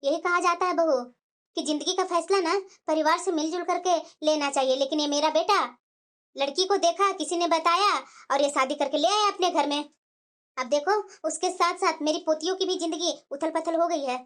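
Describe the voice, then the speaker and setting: A woman's voice: very high voice, normal speed, a bit bright. Woman voicing a complaining old grandmother. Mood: lamenting. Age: older. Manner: lamenting, plaintive. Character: old grandmother, worried and complaining mother-in-law.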